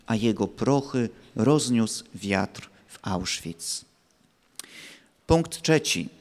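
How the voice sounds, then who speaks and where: Slow-preaching priest in a reverberant church. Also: male voice, mid-range voice. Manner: slow, emphatic preaching with rising stresses on key words. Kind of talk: sermon.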